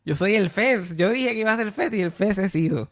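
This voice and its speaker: A man with a Puerto Rican accent chatting casually on a podcast, animated and swearing freely, slipping English into his Spanish. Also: high voice, brisk. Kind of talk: casual chat.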